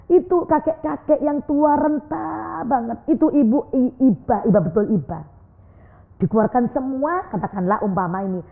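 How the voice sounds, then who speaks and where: A woman preaching a sermon, telling a story and acting out the characters' voices. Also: a little high. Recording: tinny phone-like sound.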